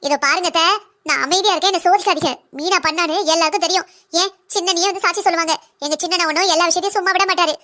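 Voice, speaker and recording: A woman as a blunt young daughter-in-law: very high, bright, rapid-fire cartoon voice, lecturing and defiant. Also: steady tone. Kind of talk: cartoon drama voice acting.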